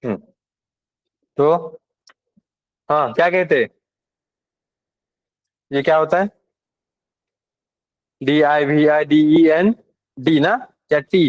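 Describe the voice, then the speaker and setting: A young man lectures a class, mixing terms into his talk and checking often that students follow. His voice sits a little high, and the recording is dry and close. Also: slow, long pauses, no echo, highs cut off. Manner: asks the class questions, mixes in English. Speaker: teacher.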